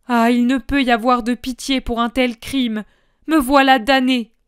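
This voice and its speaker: A woman's voice: fairly high pitch, fairly even intonation, a little slow, a little mellow, clean tone, no echo, studio quality, lightly acted. A woman voicing a terrified, remorseful man begging for mercy, in a raised, pleading voice. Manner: pleading and frantic.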